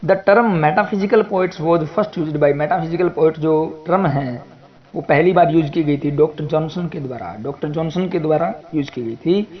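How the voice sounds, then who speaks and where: Slow, deliberate Indian English exam tutor. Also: male voice, fairly high pitch, dull audio. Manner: reads each question slowly in English, then explains it quickly in Hindi. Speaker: English literature teacher. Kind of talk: exam prep lecture.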